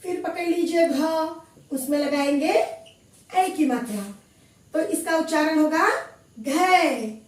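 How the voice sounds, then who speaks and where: Woman teacher, high voice, slow careful repetition, heavy room echo, distant mic. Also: a little mellow. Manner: repeats each word slowly and clearly. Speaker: Hindi teacher. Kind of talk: slow classroom lesson, spelling out sounds. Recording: echoey room, voice from afar.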